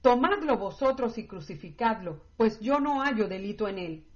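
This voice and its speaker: A woman reading the lines of a wary, questioning male Roman governor in her own measured voice, on dull lo-fi audio. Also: medium pitch, animated, a little mellow, natural voice. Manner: read plainly in the narrator's own measured voice.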